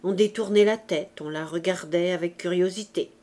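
A woman reading a classic French novel aloud in a measured, unhurried storytelling voice. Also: on the low side, mellow. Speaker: audiobook reader. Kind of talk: unhurried literary narration.

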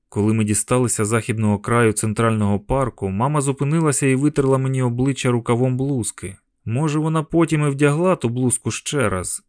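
A male audiobook narrator with a mid-pitched voice reads in an even, measured way. The recording is dry and close, with no room echo at all. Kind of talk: scripted narration. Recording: dry close studio sound.

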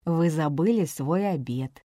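A soft-spoken, kindly young man, voiced by a woman reading aloud, quiet and a little low. His tone is mellow and warm, recorded dry and close. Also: measured pace, dry recording. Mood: gentle, teasing. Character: kind, gently teasing young man.

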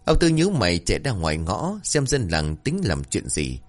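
A man narrating a folk horror tale in a steady, measured way. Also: deep voice. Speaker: storyteller. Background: faint music.

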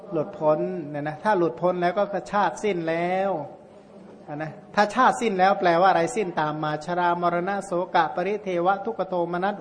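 A man's voice: fairly high pitch, big-room sound, a little hiss or hum. A male Buddhist monk giving a conversational dhamma sermon, telling stories and often ending phrases with tag particles. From Surin, Thailand.

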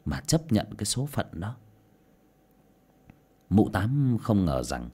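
A man narrating a folk tale with an expressive, dramatic storytelling delivery. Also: fairly low pitch, husky.

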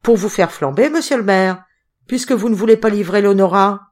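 A woman voicing a rough village bandit who threatens loudly and mockingly. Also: mid-range voice, a little fast, voice pushed up, lightly acted.

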